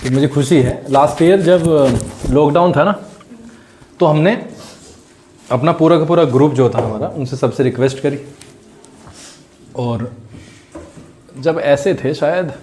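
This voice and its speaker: A man's voice: on the high side, unhurried, long pauses, warm tone, a little hiss or hum. Hesitant male teacher. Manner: reflective, hesitant, many fillers. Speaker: teacher, channel founder. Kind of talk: speech at a small celebration.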